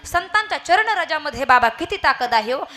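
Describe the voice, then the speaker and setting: A woman's voice: high-pitched, animated, a little fast, pushed and bright. A woman preacher giving a devotional kirtan sermon, telling stories and building emphasis through repeated phrases. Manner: storytelling with rising emphatic repetitions.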